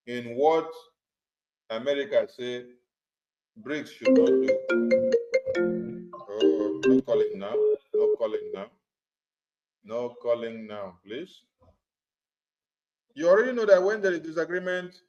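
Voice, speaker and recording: This man's voice is medium in pitch with a darkish tone, and he speaks emphatically and repetitively to supporters in a political address. The group call, picked up by phone or computer, has dull, lo-fi conference call audio.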